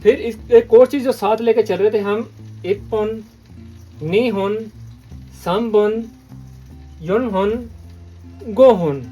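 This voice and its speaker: A man's voice: sits high, takes it slowly, pauses often, mellow, soft background music. A man from Pakistan teaching a language lesson, repeating words and often checking in with the listener. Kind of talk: patient classroom lesson.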